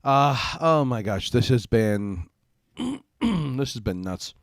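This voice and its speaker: Speaking slowly with lively intonation, a man with a mid-range voice hosts a live gaming stream despite a cold and a stuffy, congested nose. His casual chat rambles apologetically, with frequent fillers and restarts. Through a home streaming mic, the sound is clean and studio-like, with no echo.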